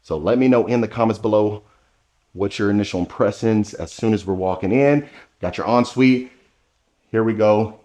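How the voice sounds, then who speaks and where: A man's voice: lowish voice, a little mellow. A man hosting a walkthrough tour of a new model home, talking straight to the viewer in an enthusiastic, salesy way while he walks from room to room with a handheld camera. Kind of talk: walkthrough house tour narration.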